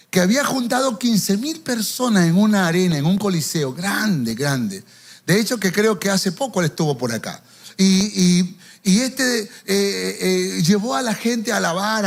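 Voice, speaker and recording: Male pastor, higher-pitched voice, storytelling sermon with acted-out quotes. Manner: storytelling preacher who acts out quotes and repeats words.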